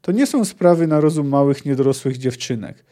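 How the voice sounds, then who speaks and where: A man reading a book aloud and voicing a gruff, blunt male dwarf who scolds and mocks a girl. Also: mid-range voice, animated, fairly quick, mellow, lightly acted. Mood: scolding.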